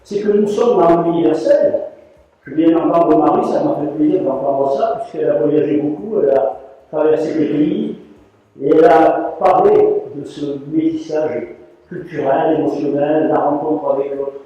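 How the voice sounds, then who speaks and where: An older man tells stories to a large audience, slipping into the voices of the people he quotes. His voice is warm and fairly high for a man. It comes from far off through a dull, echoing hall recording. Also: normal speed. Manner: animated, acts out quoted voices. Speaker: rug weaver giving a talk. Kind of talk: storytelling talk to an audience.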